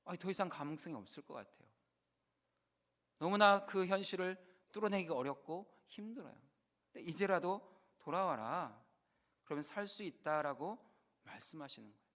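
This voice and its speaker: A male pastor preaching a sermon, earnest, rising to loud emphasis and dropping to hushed, quoted prayers. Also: high voice, lively intonation, moderate pace.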